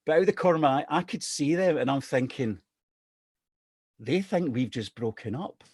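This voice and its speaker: Speaking at normal speed in a fairly high, animated voice that's darkish and slightly rough, a middle-aged Scottish storyteller shares a personal anecdote. He jokes casually with self-deprecating humour, restarting his sentences as he goes.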